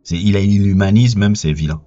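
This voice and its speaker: A man's voice: lowish voice, a little fast, dark tone, lo-fi sound. A man from Cameroon with a Cameroonian French accent, reviewing a film in a casual, rambling monologue full of repeated words and fillers. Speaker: film vlogger.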